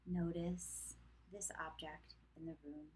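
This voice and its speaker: A woman guides a yoga nidra meditation, calm and gentle, leaving long pauses between short cues. Her voice is lowish, and the rough recording has a little hiss or hum.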